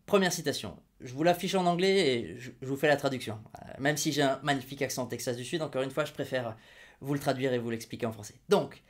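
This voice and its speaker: A fast-talking man with a mid-range voice hosts his own opinion video about money, speaking straight to camera. He starts out ironic and mocking, firing jabs and rhetorical questions at the viewer, then turns patiently didactic.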